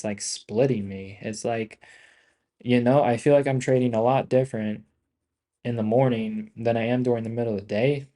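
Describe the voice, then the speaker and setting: Mellow-voiced man venting on a livestream. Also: mid-range voice. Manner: heavy casual swearing, slangy; rambling, repetitive venting. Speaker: day trader hosting a livestream. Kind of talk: casual livestream chat to viewers.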